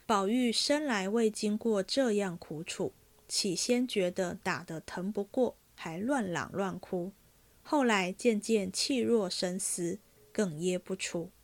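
Woman reading a classic novel aloud. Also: mid-range voice.

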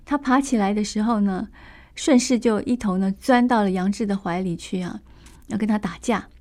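A woman's voice: medium pitch, moderate pace, darkish tone. A woman storyteller retelling a classic novel in a chatty way, with many fillers and asides.

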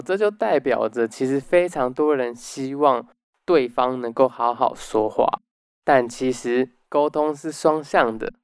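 A man hosting a book summary talk, explaining step by step and dropping in soft "oh" particles. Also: mid-range voice, clear, resonant tone, no room sound, studio quality. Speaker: podcast host.

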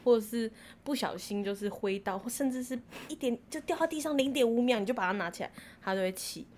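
A young woman, co-hosting a casual chat, expressive and quick to laugh. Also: on the high side, slight background noise. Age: young adult. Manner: chatty, laughs easily, expressive retelling.

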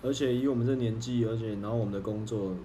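A man's voice: medium pitch, fairly even intonation, mellow, slight background noise. A man with a Taiwanese accent co-hosting a casual chat in a blunt, teasing way. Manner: blunt, teasing, repeats words quickly. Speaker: podcast co-host.

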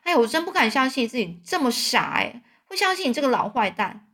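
A woman voicing a hot-tempered male con man who poses as a duke, loud and scolding as she tells the story. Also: sits high, very animated, brisk, voice pushed up, heavily acted. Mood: angry, scolding.

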